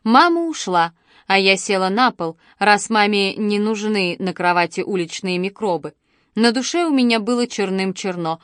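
A woman narrating a first-person novel in a steady, expressive storytelling manner on a close studio microphone. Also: mid-range voice, no room sound. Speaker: audiobook narrator.

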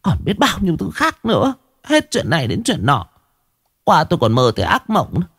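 A man's voice: a little high, huge pitch swings, a little fast, fairly bright tone, breathy edge, no echo, studio quality, voice pushed up, full character voice. A man voicing a frightened middle-aged village wife, who stammers and pleads. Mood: worried, insistent.

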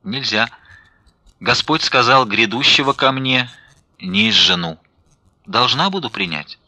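A man reading an audiobook, voicing an elderly abbess who answers calmly and coldly. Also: mid-range voice, no echo, voice pushed up. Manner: calm, cold, measured. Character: calm cold elderly nun, an abbess.

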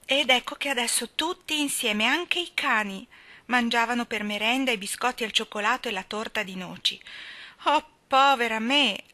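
A woman's voice: on the high side, moderate pace, sharp tone, voice pushed up. Woman doing a sulky little girl. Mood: wistful. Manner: petulant, cross. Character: sulky, hot-tempered young girl.

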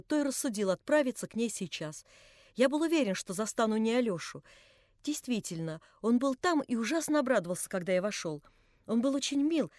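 A woman's voice: fairly high pitch, darkish tone, no echo, studio quality. Woman reading a novel aloud. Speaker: audiobook reader. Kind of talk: scripted narration of a novel.

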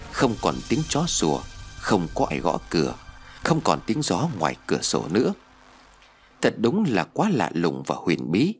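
A man narrating a first-person ghost story as an audiobook reader, in an expressive, dramatic way. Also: lowish voice.

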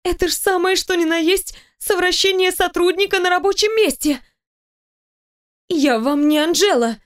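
A woman voicing a flustered, indignant young female office worker in an audiobook, protesting in a high, drawn-out voice. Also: lively intonation, darkish tone.

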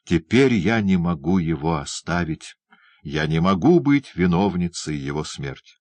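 A man's voice: low voice, lively intonation, a little slow, a little mellow, no room sound. A man reading the part of a young, troubled woman who pleads with passion in an audiobook. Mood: pleading. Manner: emotional, imploring.

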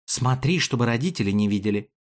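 A man voicing a cautious young girl who speaks in a hushed way. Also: medium pitch, expressive, fast, close to an everyday voice. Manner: whispering, cautious.

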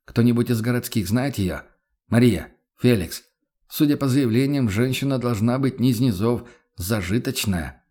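A man's voice: medium pitch, moderate pace, warm tone, lightly acted. A man voicing a cautious, commanding inquisitor in an audiobook, questioning firmly. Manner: cautious, firm interrogation. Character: guarded, commanding male inquisitor.

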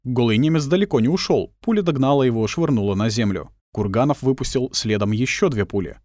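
Мужчина-чтец выразительно читает военную аудиокнигу у близкого микрофона. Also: male voice, medium pitch, a little fast, no room sound, clean studio sound. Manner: vivid, expressive reading. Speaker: audiobook narrator. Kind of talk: war audiobook narration.

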